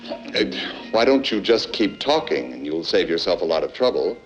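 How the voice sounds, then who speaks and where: A sarcastic captive. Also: male voice, sits low, sing-song, normal speed. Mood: mocking. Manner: sarcastic and mocking. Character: wisecracking, defiant male captive. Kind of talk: 1960s film acting. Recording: dull old film soundtrack with music.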